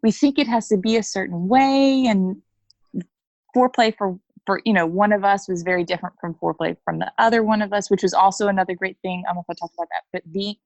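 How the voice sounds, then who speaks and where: A coaching client in her thirties guests on a candid conversational interview, talking frankly in a fairly low, creaky voice and voicing little bits of dialogue along the way. There is no echo.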